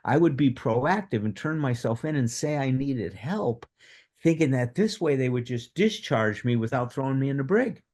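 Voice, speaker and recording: A man in his seventies telling his own story in animated fashion at a recovery workshop, acting out the voices of people in it. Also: mid-range voice, moderate pace. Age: 70s. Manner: animated, acts out quoted dialogue. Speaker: workshop speaker on addiction recovery. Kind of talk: personal storytelling.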